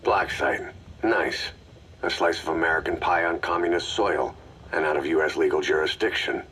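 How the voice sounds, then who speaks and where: Very deep, grave military commander. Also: male voice, steady tone, moderate pace, fairly bright tone, slightly rough, full character voice. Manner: grave, commanding, terse briefing delivery. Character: grave, gruff, commanding male mercenary leader. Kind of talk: video game voice acting, mission briefing dialogue.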